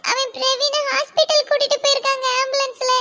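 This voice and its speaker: A performer voicing a frightened young girl in an animated cartoon, talking anxiously and pleading. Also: very high-pitched, a little fast, full character voice. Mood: nervous. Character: frightened young girl after a road accident.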